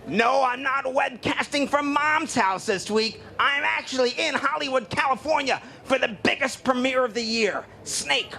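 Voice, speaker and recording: A man playing up a nerdy film critic at a premiere, shouting for attention. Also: extremely high pitch, moderate pace, vocal fry, hardly any pauses. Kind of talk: red-carpet comedy bit.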